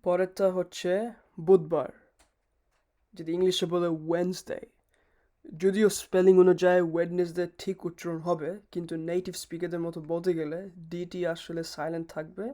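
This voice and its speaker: A teacher giving a slow, deliberate pronunciation lesson, repeating each word for drilling and mixing Bengali with English words. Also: medium pitch, level tone, mellow.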